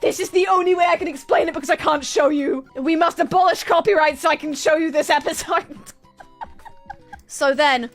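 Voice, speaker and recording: High-voiced woman in rapid nonstop chatter. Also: faint music behind. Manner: exasperated, incredulous, dramatic retelling with acted-out quotes. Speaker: streamer. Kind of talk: animated rambling storytelling to an audience.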